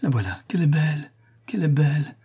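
A tormented notary in a fevered delirium, his cries climbing high and shrill, as a man acts him out. The voice underneath is dusky and husky, pushed to frantic outbursts in a storybook reading. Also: expressive, fast talker, warm tone, full character voice. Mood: rapturous. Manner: frenzied, shrill outcries. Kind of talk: audiobook character reading.

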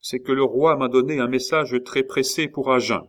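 In an audiobook, a man voices an impatient, sharp-tongued royal jester-envoy, raising his voice above his narration to sound sarcastic and exasperated. The character's voice is pitched above the performer's own yet stays close to an everyday voice, with medium pitch, fairly even intonation, and normal speed.

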